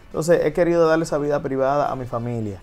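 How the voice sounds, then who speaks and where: This Dominican guest DJ and TV host, speaking with a Dominican Spanish accent, spins relaxed, chatty stories with frequent restarts during a casual interview. His voice is a little high and quick, and faint music plays in the TV studio.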